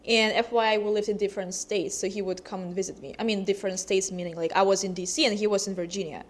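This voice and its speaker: A woman's voice: medium pitch, fairly even intonation, fast talker. A young woman from Russia, a vlogger chatting casually to camera, hesitant and full of ums.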